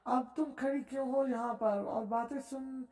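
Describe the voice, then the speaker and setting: A woman's voice: high voice, steady tone, normal speed, mellow, lightly acted. Woman voicing a rude, hot-tempered young man. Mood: angry. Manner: harsh, scolding. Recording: echoey room.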